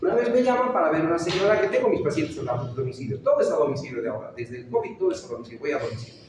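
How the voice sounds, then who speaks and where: Her voice sits low and sounds animated and slightly mellow as she talks in rapid-fire bursts, with some background noise. She's a woman doctor lecturing medical students, sprinkling in clinical anecdotes and regularly engaging her listeners, recorded distantly in an echoey hall.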